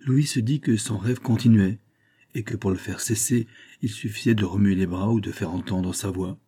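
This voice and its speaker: A male audiobook narrator with a low, dark voice and a husky grain. He reads a classic novel at a steady, measured pace.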